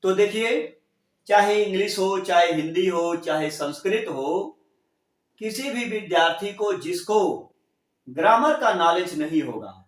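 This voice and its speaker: A male teacher giving a grammar lesson to students, saying each example word slowly and repeating it, spelling out the vowel marks. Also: sits high, lively intonation, distant mic. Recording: echoey room, voice from off the mic.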